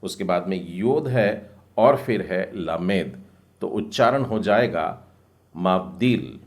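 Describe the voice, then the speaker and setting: A man's voice: low-pitched, takes it slowly. A man teaching Hebrew step by step, patiently spelling out each word and repeating it. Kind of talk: slow step-by-step lesson.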